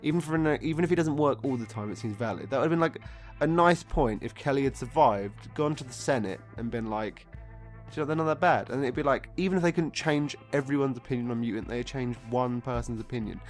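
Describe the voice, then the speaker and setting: A man's voice: medium pitch, fairly quick, hardly any pauses, soft background music. A drunk man giving a casual, comedic film review, rambling off script, exasperated and swearing often. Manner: drunk, getting drunker, rambling and losing his thread.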